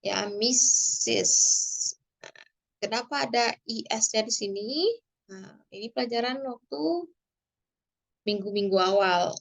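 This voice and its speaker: A woman with an Indonesian accent teaching English grammar, explaining slowly and deliberately and switching between English and Indonesian. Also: fairly high pitch, creaky. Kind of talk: online grammar lesson.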